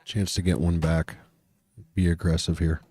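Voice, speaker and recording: A man's voice: deep voice, flat delivery, moderate pace, mellow, no echo. A man working as a golf commentator, talking through a match conversationally and offering his own advice and opinions.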